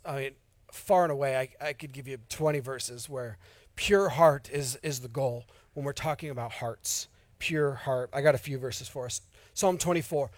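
A man preaching a sermon, telling a personal story in a candid, self-deprecating way with lively swings in emphasis. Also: medium pitch, no echo. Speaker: pastor.

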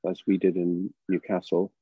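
An older man from Northern Ireland with a Northern Irish accent, speaking as a drama educator in a thoughtful, halting way with many restarts. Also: low voice, completely flat delivery, slightly rough, no room sound, muffled recording. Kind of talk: reflective interview talk.

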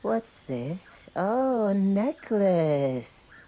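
A woman plays a male bird pretending to be a flirtatious raven lady in an audio story. The put-on feminine voice is drawn out and coy. Its pitch swings widely, with exaggerated sweetness. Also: sing-song, drawn-out words, mellow, full character voice.

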